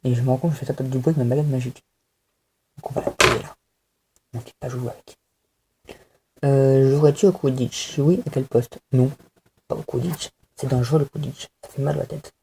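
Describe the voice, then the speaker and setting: A man's voice: mid-range voice, steady tone, fairly quick, gravelly, long pauses, darkish tone, a little hiss or hum. A young man chatting casually to camera at home, hesitant and self-mocking, with many fillers. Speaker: vlogger answering a fan tag. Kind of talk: casual chat.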